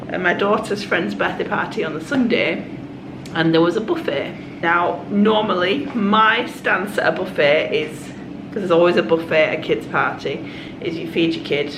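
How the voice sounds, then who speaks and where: Croaky from a cold, a woman with a fairly low voice chats to her vlog audience in a confiding, casual way, tossing in quick asides. The recording has an echoey room and background noise.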